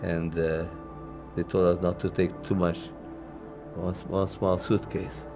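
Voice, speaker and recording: An older man from Czechoslovakia giving recorded testimony as a Holocaust survivor, speaking slowly and haltingly with pauses. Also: low voice, level tone, over music. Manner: slow, halting, with pauses and fillers. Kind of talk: archival testimony interview.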